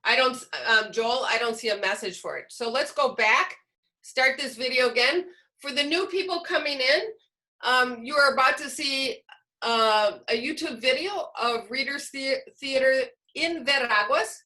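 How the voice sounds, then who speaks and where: Speaking at a normal pace, this woman has a high voice that comes across bright and forceful. She trains teachers informally in an online video meeting, using a video call microphone, and explains things while posing and answering her own questions.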